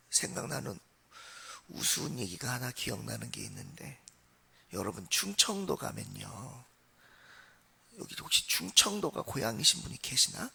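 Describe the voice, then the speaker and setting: A man's voice: medium pitch, creaky, bright, forceful tone, slightly rough. A man from Seoul preaching a Sunday sermon in a church, telling stories in a chatty way and speaking straight to the congregation. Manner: conversational storytelling, addresses the congregation. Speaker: pastor. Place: church sanctuary.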